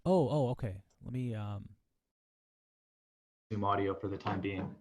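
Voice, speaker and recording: A music professor with a lowish voice teaches an informal online video class through a microphone, demonstrating software step by step while thinking aloud haltingly and tentatively. Electronic music and synth tones play in the background.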